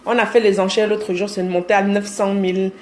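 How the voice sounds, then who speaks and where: A woman in her thirties with a Cameroonian accent hosts a casual live stream, reading out comments and greeting viewers by name. She talks in a lively, teasing way at a middle pitch. Faint background noise sits under her phone recording. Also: fairly quick.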